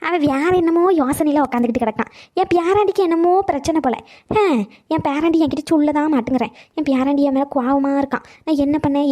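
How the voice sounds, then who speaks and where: A woman's voice: high-pitched, warm tone. A woman voicing a scheming, theatrical old grandmother in a cartoon comedy. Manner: dramatic, theatrical scolding.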